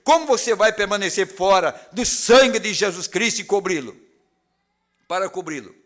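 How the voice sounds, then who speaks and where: A man with a Brazilian Portuguese accent, preaching a sermon in a church, who moves between loud preaching and hushed, low retelling. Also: animated, normal speed. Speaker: pastor. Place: church tabernacle.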